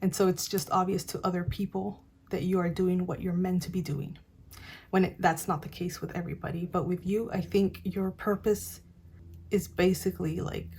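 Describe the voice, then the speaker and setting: A woman's voice: on the low side, a little mellow, a little hiss or hum. A woman giving a casual, encouraging tarot reading to camera, chatty with many fillers. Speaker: tarot reader.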